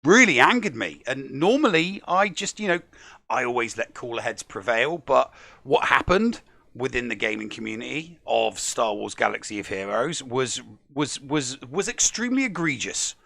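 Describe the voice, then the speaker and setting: Gravelly, bright-voiced male podcast host. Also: mid-range voice, very animated, moderate pace, no room sound. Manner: emphatic, repeats words. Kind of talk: upbeat gaming podcast chat.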